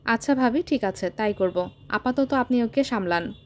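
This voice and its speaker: A woman voicing a stern young uncle who speaks gravely and earnestly in an audio story. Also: fairly high pitch, normal speed, natural voice. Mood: firm. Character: stern young uncle, calm but firm man.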